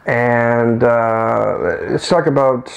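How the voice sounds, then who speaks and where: Gravelly-voiced man hosting a casual chat. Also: mid-range voice, drawn-out words, dull audio. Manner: rambling, restarts often. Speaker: co-host.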